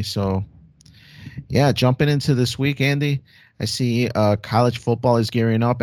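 A man's voice: medium pitch, a little mellow. A man co-hosts a podcast in an easy, rambling way. His talk is full of fillers and loose asides. The recording is dry, with no room echo. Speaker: podcast co-host. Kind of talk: casual podcast chat.

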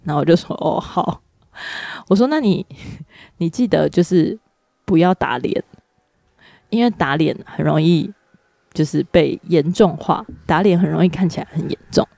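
Gravelly-voiced woman in casual chat. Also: sits low, moderate pace, mellow, no room sound, clean studio sound. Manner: thoughtful, searching for words. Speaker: podcast co-host.

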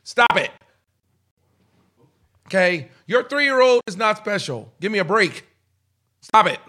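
A man in his fifties from the United States, telling stories in an animated podcast chat and tagging lines with "okay?". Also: high-pitched, slow pace. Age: 50s. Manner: emphatic, repeats "okay?" often, acts out quotes. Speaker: guest.

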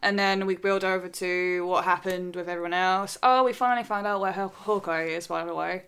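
Man, podcast chat, joking asides, gravelly, smooth. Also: high-pitched, fairly even intonation, brisk, bright, forceful tone. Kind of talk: casual chat.

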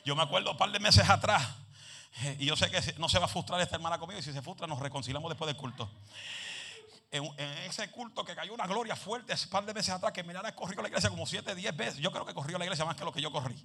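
Male pastor, fiery sermon, shouted exhortations, humorous anecdotes, English phrases thrown in, bright ringing voice. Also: fairly high pitch, fast talker, husky. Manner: drops English phrases into his talk; humorous storytelling.

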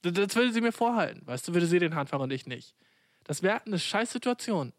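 A man's voice: sits high, very animated, fairly quick, no echo, studio quality. A young man casually telling a comic story, rambling, with lots of slang, swearing and English words mixed in. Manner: rambling with many fillers and restarts.

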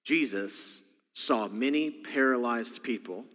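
In a reverberant church sanctuary, this senior pastor with a Texas accent preaches slowly, his medium-pitched voice fairly bright in tone. He leans on folksy, jokey stories and asides throughout the sermon.

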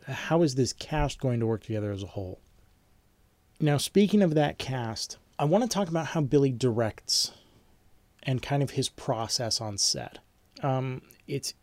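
A man's voice: medium pitch, darkish tone, dry recording. A man teaching a film studies class in an informal, rambling way, with frequent ums and restarts. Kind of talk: informal online lecture.

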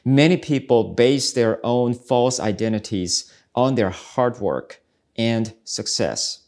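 A man's voice: mid-range voice, slow, a little mellow. A man, hosting a ministry podcast in an earnest, reflective devotional talk. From South Korea. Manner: earnest, searching, preacherly. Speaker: podcast host, ministry speaker.

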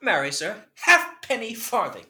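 A simple, greedy rustic servant, played by a stage actor, who savors each word with comic relish. His bright voice swings widely up and down. He sounds like a clown from a Shakespeare play. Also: medium pitch, big pitch swings, measured pace, heavily acted. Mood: cheeky.

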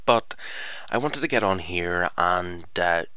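A man's voice: low voice, animated, slow, bright, forceful tone, clean tone, dry recording. A man hosting a podcast alone in casual, informal talk, recorded on a headset microphone. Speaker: podcast host. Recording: close dry headset microphone sound.

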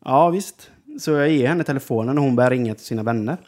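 A man's voice: mid-range voice, a little mellow. Young man, loose rambling anecdote with fillers and curses. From Jönköping, Sweden. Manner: rambling, lots of fillers and swearing. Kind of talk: casual storytelling.

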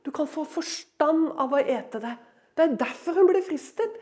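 High-voiced woman preaching dramatically. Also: lively intonation. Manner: dramatic, swings between loud emphasis and hushed whispers. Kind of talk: sermon. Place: church.

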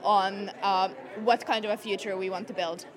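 A woman's voice: medium pitch, steady tone, normal speed. A young woman from Finland, a scout, giving earnest, thoughtful interview answers. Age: young adult. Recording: crowd chatter behind.

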